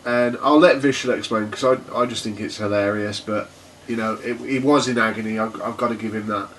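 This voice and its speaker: Low-voiced man rambling on a podcast. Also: fairly even intonation, brisk, distant mic, a crowd in the background. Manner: rambling, hesitant, laughs often. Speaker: podcast co-host. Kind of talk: casual chat.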